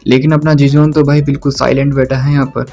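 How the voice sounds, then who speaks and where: A man's voice: medium pitch, little pitch movement, fast talker, mellow, soft background music. A man narrating a comic story recap in a chatty way, dropping joking asides.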